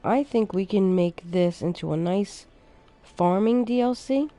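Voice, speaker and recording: Slow, mellow woman narrating gameplay. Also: mid-range voice. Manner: relaxed, thinking aloud, unhurried. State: sleepy, yawning. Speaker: streamer playing a city-building game. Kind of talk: casual gameplay commentary.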